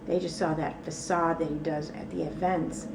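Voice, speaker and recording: A woman with a low, gravelly voice tells a long story in a loose, rambling way, stopping often for fillers and side remarks. She sits a little back from the mic, and a faint hiss of room noise runs under her words. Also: little pitch movement, normal speed, distant mic. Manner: rambling, with many fillers and asides. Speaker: interview guest. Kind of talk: casual storytelling.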